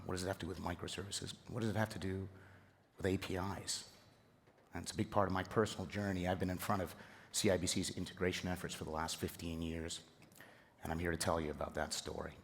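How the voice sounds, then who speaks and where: A hoarse man with a lowish voice gives a lively, joking keynote from a conference stage. His talk is conversational and energetic. The sound carries the long reverb of a big hall. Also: a little hiss or hum. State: hoarse from the flu. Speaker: conference speaker. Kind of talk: keynote presentation.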